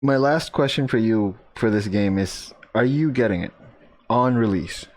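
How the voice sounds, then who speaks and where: A man's voice: medium pitch, normal speed, darkish tone. A man co-hosting a podcast in casual chat, easygoing and laughing a lot. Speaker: podcast co-host.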